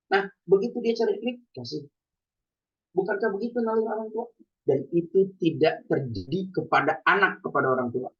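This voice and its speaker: A man's voice: fairly high pitch, breathy edge. A man preaching a conversational sermon, telling everyday stories and asking the listeners rhetorical questions. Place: mosque hall. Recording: distant dull lo-fi.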